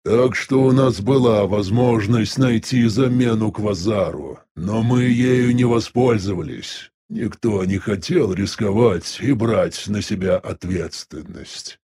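A man reads as a tired old elder of a mystic sect, husky and slow. His voice sits low and dark, every sentence weighed out with resigned calm in a measured audiobook delivery. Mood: weary musing. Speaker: audiobook voice actor. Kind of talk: audiobook dialogue reading.

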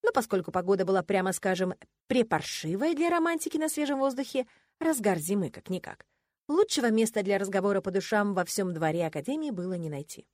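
A woman narrating a first-person audiobook with a wry, ironic, expressive delivery. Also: mid-range voice, fairly quick, dry recording, clean studio sound.

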